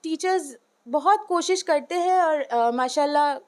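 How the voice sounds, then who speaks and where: A woman's voice: sits high, a little slow, darkish tone. A woman teacher answering interview questions earnestly, switching between Hindi and English with frequent "uh" fillers. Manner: earnest, heartfelt. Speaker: school teacher.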